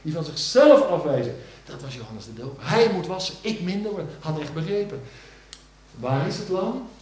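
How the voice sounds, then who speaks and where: Male preacher, fairly high voice, dramatic swells and hushes, big church echo. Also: very animated, normal speed. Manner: swells loud on key words, drops to hushed low phrases. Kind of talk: sermon. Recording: echoey church hall.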